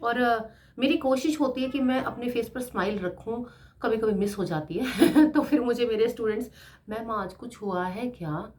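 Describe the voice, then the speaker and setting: A middle-aged woman teacher giving a casual motivational talk, chatty and animated, laughing often as she talks. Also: on the high side, normal speed.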